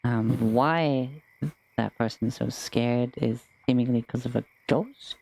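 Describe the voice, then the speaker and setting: Game master, gravelly mid-pitched voice, casual stream narration, hesitant, informal. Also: slow pace, darkish tone, poor audio.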